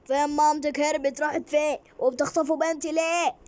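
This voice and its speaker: A woman's voice: sits high, steady tone, fast, darkish tone, pitched above the performer's own voice, lightly acted. A woman playing a stern worried father. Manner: firm, questioning.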